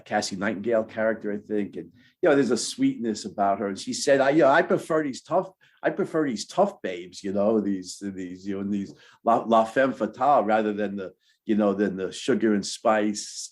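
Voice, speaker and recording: Interview guest: a man with a lowish voice who talks in hesitant, repetitive phrases. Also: a little mellow. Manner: halting, repeats words while thinking. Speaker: novelist guest. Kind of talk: casual interview answers.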